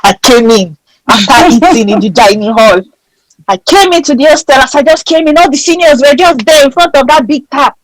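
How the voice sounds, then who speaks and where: A Nigerian woman in her thirties tells her story as an interview guest. She sounds bold and emphatic and keeps the telling lively. Her voice sits fairly high, and the recording is dry and close. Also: fairly quick, dry recording, low-quality recording. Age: 30s. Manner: lively and dramatic, acting out the people in her story. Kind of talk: animated storytelling.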